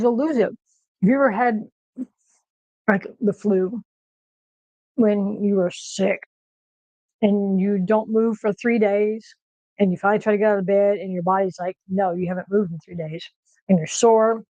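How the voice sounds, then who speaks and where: A middle-aged American woman chatting casually on a home cooking stream. She talks quickly when excited and pauses to search for words. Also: medium pitch, dry recording, muffled recording. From United States. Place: home kitchen.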